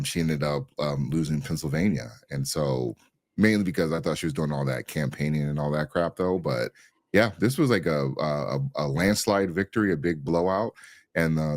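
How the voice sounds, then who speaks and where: A man's voice: a bass voice, no room sound, clean studio sound. A man co-hosting a podcast, talking in a loose, colloquial way with plenty of fillers. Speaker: podcast co-host. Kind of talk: casual political chat.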